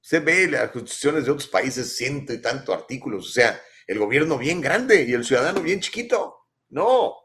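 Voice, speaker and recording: With a sing-song, mid-range voice that's a touch bright, a Mexican man in his fifties hosts a live show at a moderate pace. He works through viewer messages, punctuating his comments with emphatic rhetorical questions.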